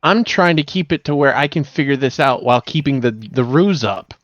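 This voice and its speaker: A man's voice: mid-range voice, lively intonation, fairly quick, highs cut off. A man playing a tabletop game, talking casually and swearing often. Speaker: player.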